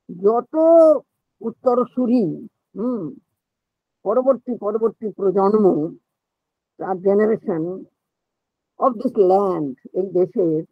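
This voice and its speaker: Guy teaching a class, really high voice, asks himself questions and answers them, dry muffled sound. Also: dry recording. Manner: explains and asks rhetorical questions. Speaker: teacher of a text-reading class. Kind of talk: explanatory lecture.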